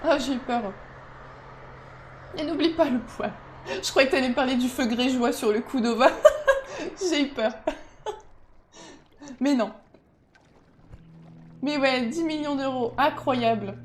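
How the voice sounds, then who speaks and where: A woman streaming a game, chatting casually with her viewers and reacting aloud with excitable outbursts. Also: high voice, unhurried, long pauses, slight background noise. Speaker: gaming streamer. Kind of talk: casual gameplay commentary.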